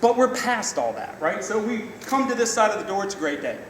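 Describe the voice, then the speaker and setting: A middle-aged man gives an informal father of the bride speech, plain-spoken, salty and emotional, with halting delivery. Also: high voice, sing-song, fairly bright tone. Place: large reverberant reception room indoors. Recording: echoey hall, distant mic, noisy room.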